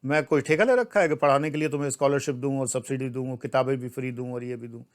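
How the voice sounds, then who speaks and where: An older man from India teaching an online exam-prep class, lecturing emphatically and scolding, with loud outbursts and low asides. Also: fast. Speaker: civil services exam teacher.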